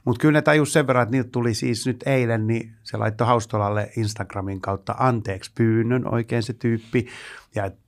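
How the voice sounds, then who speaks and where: A man's voice: mid-range voice, fairly even intonation. A man, a stand-up comedian, hosting a casual podcast and telling gig anecdotes, mimicking the people he quotes. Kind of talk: casual chat.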